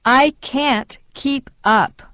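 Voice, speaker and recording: A woman slowly and deliberately repeating short phrases for learners in a language lesson. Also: high voice, a bit bright, no room sound. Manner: very slow, deliberate delivery. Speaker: phrase reader. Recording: dull lo-fi dry sound.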